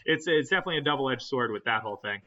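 A man's voice: medium pitch, expressive, very fast, bright, forceful tone, highs cut off. A man chatting casually as a podcast guest, with a slangy, sweary frat bro way of exaggerating. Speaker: podcast guest, endurance cyclist. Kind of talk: casual chat.

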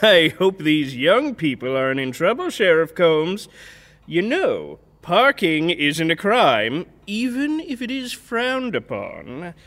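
Smug, theatrical small-town mayor, swooping voice. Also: male voice, on the high side, sing-song, fairly bright tone, in a large hall, exaggerated voice. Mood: mock-genial. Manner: drawling, mock-genial, deliberate. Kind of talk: audio drama acting.

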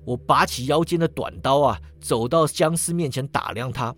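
A man narrating a first-person fantasy detective story with expressive delivery. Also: medium pitch, normal speed.

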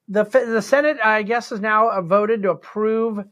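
Male host, higher-pitched voice, conversational financial commentary, emphatic phrasing. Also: steady tone, moderate pace, a bit bright.

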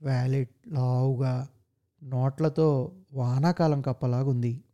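A man reading a story aloud as narrator, in a measured, steady way. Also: mid-range voice.

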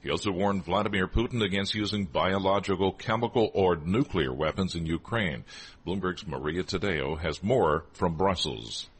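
A man anchors radio news in a low-pitched, slightly rough voice. He reads scripted headlines and hands over to colleagues in a professional broadcast style. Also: normal speed.

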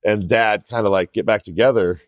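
A man's voice: lowish voice, fairly even intonation, a little fast, dry recording. A man in his forties from the US hosting an interview, laid-back and enthusiastic, with lots of "like" in his speech. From United States. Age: 40s. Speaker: podcast host. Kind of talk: casual interview chat.

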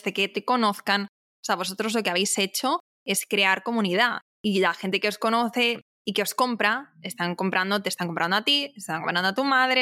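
A woman's voice: medium pitch, bright, forceful tone, no echo, studio quality. A woman interviewing a guest, with an encouraging, affirming way of talking.

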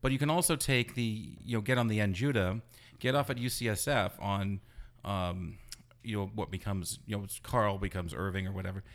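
A man's voice: fairly low pitch, moderate pace. A man, a blogger being interviewed, telling a story in a casual, rambling way and filling it with "you know". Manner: rambling, animated retelling full of "you know". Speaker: blogger guest.

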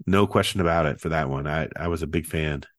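A man's voice: very deep voice, fast, fairly bright tone, no room sound, clean studio sound. A man hosting a casual podcast, sounding nasal and stuffed up with a head cold. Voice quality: nasal, congested voice. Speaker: podcast host.

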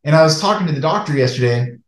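A man speaking to his online viewers in an earnest, preacher-like monologue, with emphatic, deliberate phrasing. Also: a little high, lively intonation. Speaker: online show host. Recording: echoey room, flawed stream audio.

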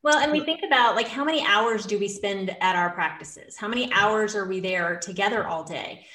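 A woman's voice: medium pitch, moderate pace, fairly bright tone, reverberant. A woman co-hosting a podcast, talking in a casual, conversational way. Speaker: podcast host.

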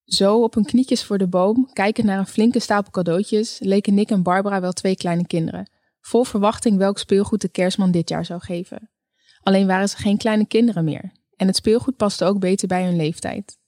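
A woman narrating a story in a calm, measured reading voice. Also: mid-range voice, no room sound, studio quality. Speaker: audiobook narrator. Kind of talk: scripted narration.

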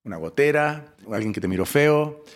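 A lively Chilean man in his forties, interviewed as a startup founder. He tells his stories with energy, jumping from loud bursts to soft asides and slipping English phrases into his speech. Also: fairly high pitch, normal speed. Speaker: startup founder and CEO, guest. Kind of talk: animated storytelling interview.

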